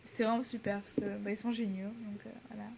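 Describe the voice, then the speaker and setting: Fast and fairly flat, her mid-range voice has vocal fry and a darkish tone, with slight background noise behind it. She's a teen from France on exchange, chatting casually on camera with frequent fillers, laughs and English words.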